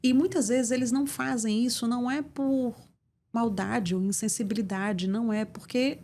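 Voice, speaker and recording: A woman's voice: on the high side, fairly even intonation, normal speed, mellow, slight background noise. A middle-aged woman from Brazil with a Brazilian Portuguese accent, an interview guest and communication mentor explaining with emphatic examples. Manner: assertive, didactic, emphatic delivery.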